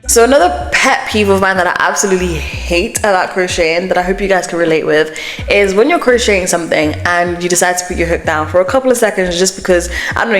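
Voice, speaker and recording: Echoey, lower-pitched woman chatting casually. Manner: informal, emphatic venting about small annoyances. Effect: microphone echo setting, echoey reverb. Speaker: host of a crochet podcast vlog. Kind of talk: casual chatty solo podcast to camera. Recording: echoey voice from microphone echo setting.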